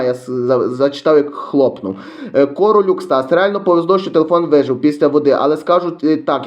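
Young western guy, quick and fairly high-voiced, casually reading out comments. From western Ukraine. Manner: reads viewer comments aloud, chatty, self-deprecating. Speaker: YouTube vlogger.

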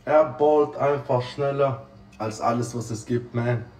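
This young adult talks on a livestream in effusive street slang, tossing in English interjections and exclamations. His voice sits at medium pitch, a little slow and a little mellow. A phone set up a step away in his small living room with kitchen picks him up, so the sound is roomy and distant.

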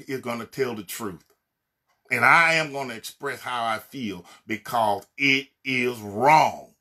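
A man's voice: mid-range voice, bright, forceful tone. A man from Mississippi with a Southern accent, preaching a fiery, blunt sermon and hammering his points home with repeated refrains. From Mississippi, USA. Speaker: evangelist minister. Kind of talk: impassioned social media sermon.

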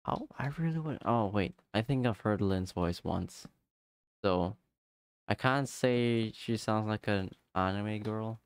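A man with a slightly low voice chats casually on a game livestream in a very dry, close-sounding space. He talks very slowly in halting, rambling bits, repeating phrases with a playful, teasing manner. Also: clear, resonant tone, no echo. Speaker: livestreamer, VTuber. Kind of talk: casual livestream chat while playing a block-building game.

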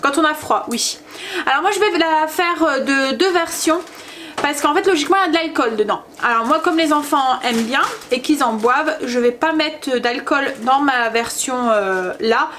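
High-voiced chatty mum vlogging. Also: female voice, moderate pace, fairly bright tone, slight background noise. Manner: rambling, chatty, full of hesitations. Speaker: family vlogger and mother. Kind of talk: casual chat to camera.

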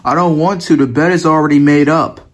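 A man's voice: a little high, fairly even intonation, fairly quick, background noise, lightly acted. A man voicing a lazy, grumpy cartoon starfish who whines and sulks, in a homemade fan cartoon. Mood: sulky.

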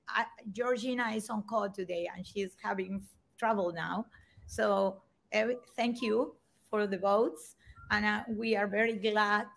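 A woman's voice: mid-range voice, vocal fry, fairly bright tone. A woman speaking as the mentor and author of a research paper, earnest and apologetic, often restarting her sentences. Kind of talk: panel discussion.

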